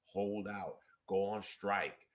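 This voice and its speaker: A man hosting a relationship advice chat, emphatic and preachy, quoting scripture and repeating key points slowly. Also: fairly low pitch, flat delivery.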